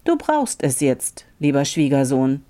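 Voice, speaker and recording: A woman voicing a greedy, scheming rich old farmer who is gruff and falsely friendly, in a storybook reading. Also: rumbling low, very animated, measured pace, dark tone, pitched below the performer's own voice, exaggerated voice.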